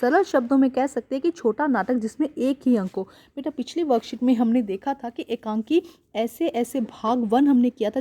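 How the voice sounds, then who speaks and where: A woman's voice: a little high, warm tone. A woman teaching a class lesson on a Hindi one-act play, calling her students "beta" and restating each line in simple words.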